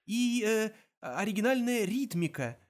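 A man voicing a high, frantic Earthman. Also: normal speed. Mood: eager. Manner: high, excited and wailing. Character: frantic panicky Earthman, young adult male. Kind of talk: audiobook character reading.

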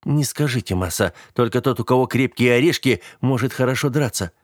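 A man's voice: mid-range voice, brisk, dry recording, studio quality, pitched above the performer's own voice, natural voice. A man voicing a naive blurting young fighter. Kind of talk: audiobook character voice.

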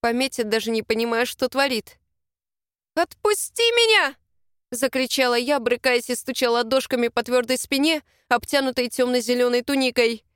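A woman's voice: fairly high pitch, little pitch movement, a little fast, smooth, no echo, studio quality. A woman reading a first-person novel aloud as an audiobook narrator.

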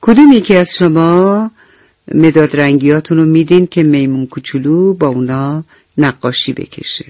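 A woman voicing a kind, gentle female teacher in a bedtime radio story. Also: low-pitched, no room sound, dull audio, lightly acted. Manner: gentle, caring.

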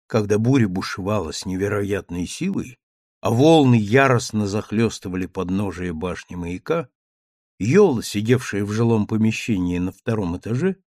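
Male narrator, gravelly, dry, close; steady storybook reading. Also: medium pitch, no room sound. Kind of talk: scripted audiobook narration.

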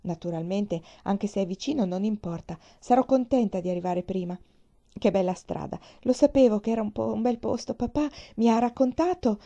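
A woman's voice: medium pitch, fairly quick, dark tone, highs cut off, close to an everyday voice. A woman voicing a chatty, cheerful little girl who talks eagerly and without stopping.

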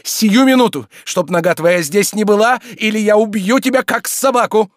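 Man voicing an outraged nobleman giving sharp, high-pitched orders, dry storybook sound. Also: normal speed, dry recording, lightly acted. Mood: furious. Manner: commanding, outraged. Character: gentle nobleman driven to cold fury.

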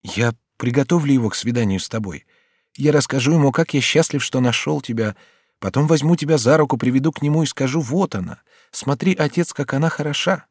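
Man doing an earnest young boy, devoted son, higher voice, dry close sound. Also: fairly quick, no room sound, lightly acted. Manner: earnest, pleading.

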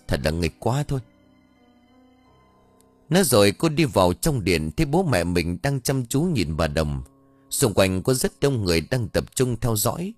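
A man reading a ghost story aloud in an expressive, scripted storytelling manner. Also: medium pitch, no echo. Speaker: audiobook narrator.

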